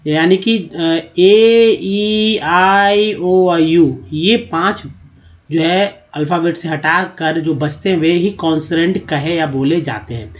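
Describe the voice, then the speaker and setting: A man's voice: a little high, slow pace. A man teaches a spoken English lesson. He goes through it step by step and keeps checking in with the viewer. He often repeats himself to make each point stick.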